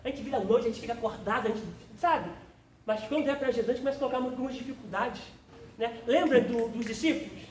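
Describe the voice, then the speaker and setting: A man's voice: very high voice, fast. A man, a pastor teaching a theology class in a fervent, exclamatory preaching style and calling on listeners by name. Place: church classroom. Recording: roomy, distant mic, faint noise.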